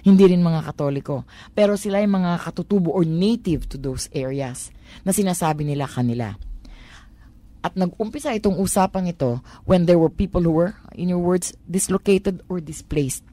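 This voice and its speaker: A woman's voice: lowish voice, moderate pace, warm tone, no echo. A woman with a Manila Tagalog accent explains conversationally on a talk program, posing rhetorical questions and switching between Tagalog and English. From Manila, Philippines.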